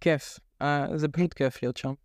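A man's voice: on the high side, steady tone, dry recording, clean studio sound. A young man, a native French speaker, chatting casually with a French accent as a podcast guest. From French immigrant raised in Netanya, Israel. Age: young adult. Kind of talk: casual chat.

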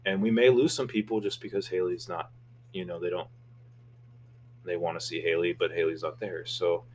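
A man's voice: low voice, steady tone, normal speed, a little hiss or hum. A young man, co-hosting a casual podcast chat about running a salon, earnest and a little anxious. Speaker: podcast co-host, salon co-owner.

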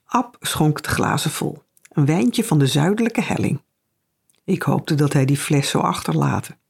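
Gravelly-voiced woman narrating a novel. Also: sits low, lively intonation, unhurried. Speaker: audiobook narrator. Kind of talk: first-person literary narration.

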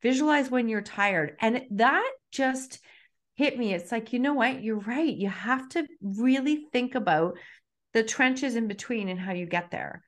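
A woman's voice: a little high, measured pace. A middle-aged woman speaking candidly and reflectively as an author on a podcast, with emphatic stresses. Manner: reflective and emphatic, self-disclosing. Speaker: author and guest. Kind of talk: candid conversational podcast talk.

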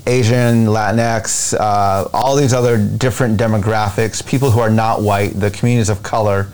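An American man giving deliberate, emphatic explanations as an interview guest, often repeating phrases to build a point. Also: on the low side, fairly even intonation, a little mellow. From United States. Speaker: interview guest, presidential candidate. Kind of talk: explanatory political interview talk. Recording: noticeable background noise.

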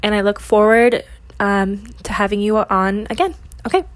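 Female podcast host, informal solo chat, slight lisp with long S's, soft slurring, close dry sound. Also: mid-range voice, little pitch movement, normal speed, no echo. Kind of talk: casual solo podcast introduction.

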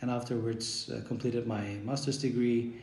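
A middle-aged man from Bulgaria, a university professor, answering podcast questions in a hesitant way with many pauses and fillers. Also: mid-range voice, flat delivery, darkish tone, echoey room. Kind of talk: podcast interview.

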